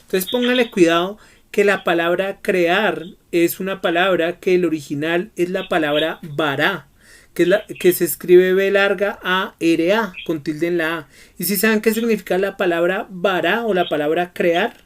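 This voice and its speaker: A man's voice: high voice, normal speed. A man teaching a Bible study lesson who keeps asking his students questions and prompting their answers.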